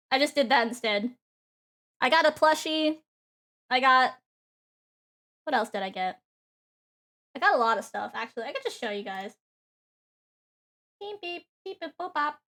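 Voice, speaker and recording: A woman's voice: fairly high pitch, expressive, a little slow, long pauses, bright, forceful tone. A young woman streamer chatting casually and rambling with lots of fillers. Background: faint background music.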